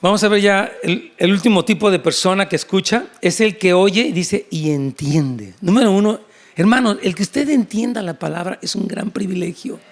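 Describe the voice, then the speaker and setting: A man preaching a sermon. He is animated, acts out quoted voices in shifting tones, and speaks directly to the congregation. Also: sits high, a little fast, vocal fry. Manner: addresses congregation directly and often. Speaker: pastor. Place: church service.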